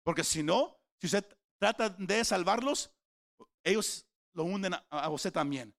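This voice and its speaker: A man preaching a sermon, emphatic, swinging from shouts to quiet lows and repeating words as he starts phrases. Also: lively intonation, a little slow, gravelly. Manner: emphatic, rising to shouts then dropping low. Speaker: pastor.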